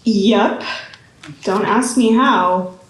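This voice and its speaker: A woman's voice: medium pitch, very slow. A woman performing a role in a community stage show, friendly and exclaiming. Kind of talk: community stage opera acting. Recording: roomy theater sound.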